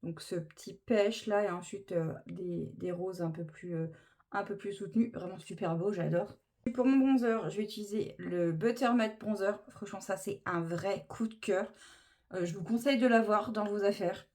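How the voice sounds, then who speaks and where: A woman's voice: mid-range voice, moderate pace, darkish tone. A woman chatting casually through a makeup tutorial, gushing with enthusiasm over each product. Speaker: beauty vlogger.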